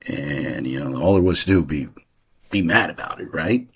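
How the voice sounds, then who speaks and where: A man with a very low, husky voice talks through his family background as if chatting with a friend. He rambles, stops and restarts, and fills the gaps with "uh" and "you know", sounding unscripted. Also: animated, normal speed, a bit bright. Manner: rambling, conversational, many fillers and restarts. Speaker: channel host. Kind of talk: casual personal monologue.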